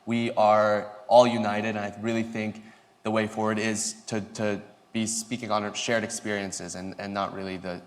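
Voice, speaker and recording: A man's voice: fairly low pitch, flat delivery, normal speed. A young man who hosts a fireside chat interview, asking questions and agreeing with his guest in an earnest way. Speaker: interviewer, student program director. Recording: reverberant hall sound.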